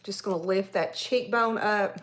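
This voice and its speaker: A woman's voice: mid-range voice, measured pace. Chatty Southern woman in her forties. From Tennessee, US. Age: 40s. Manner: chatty, rambling, addresses viewers directly. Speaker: makeup artist livestream host. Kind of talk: casual livestream makeup tutorial.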